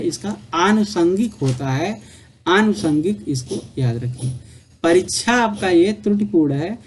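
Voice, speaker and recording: A man's voice: on the high side, a little mellow, slight background noise. Man drilling a spelling lesson. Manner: repetitive, drilling corrections with filler "आपका". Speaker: exam prep teacher. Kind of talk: spelling lesson for exam prep.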